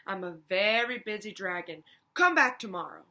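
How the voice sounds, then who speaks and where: Lady doing a big boastful storybook dragon, loud n showy, drags words out, swoops around. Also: medium pitch, expressive. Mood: haughty, dismissive. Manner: drawn-out, emphatic, showy delivery. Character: boastful, vain male dragon, loud and self-important.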